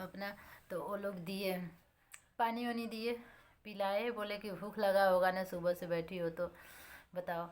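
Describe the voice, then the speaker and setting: A young woman vlogger recounts a personal story for her followers. Her voice sits at an ordinary middle pitch, and she tells it plainly, circling back over the same points and calling her viewers friends.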